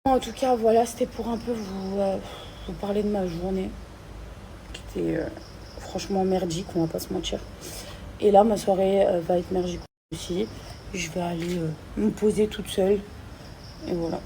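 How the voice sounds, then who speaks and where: An irritated woman vents straight to her followers with a gravelly, creaky edge to her voice. Her talk is blunt, slangy and circling back on itself. Faint night noise and crickets sit behind her. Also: mid-range voice, steady tone, normal speed, long pauses, dark tone. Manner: agitated, repetitive, slangy and blunt. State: upset and irritated. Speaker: vlogger talking to followers. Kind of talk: casual to-camera vent.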